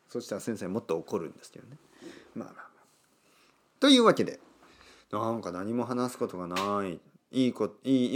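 A man hosting a casual solo podcast, talking slowly and clearly with many fillers. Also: fairly low pitch. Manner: animated, acts out quoted voices. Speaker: podcast host.

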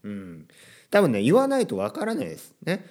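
This solo podcast host, a Kyushu native with a standard accent, chats casually to language learners in a mid-range, slightly mellow voice whose pitch swoops wildly. He talks briskly, pokes fun at himself, and keeps throwing in filler asides and rhetorical questions for the listener.

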